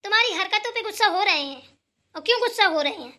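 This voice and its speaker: A woman voicing a sharp-tongued, scolding old mother-in-law in a cartoon, taunting and sarcastic. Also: very high-pitched, expressive, quick pace, full character voice. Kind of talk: cartoon voice acting.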